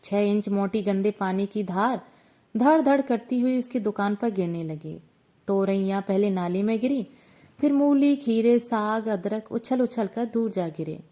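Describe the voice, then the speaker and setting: A woman reads a short story aloud in measured, expressive scripted narration. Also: medium pitch.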